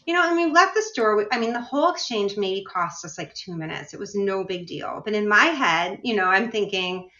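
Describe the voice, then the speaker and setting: A woman's voice: medium pitch, animated, a little fast, hardly any pauses, sharp tone. A woman in her forties telling stories in a casual chat, full of fillers and asides. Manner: storytelling, chatty with many fillers. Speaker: podcast co-host. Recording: roomy, slightly dull sound.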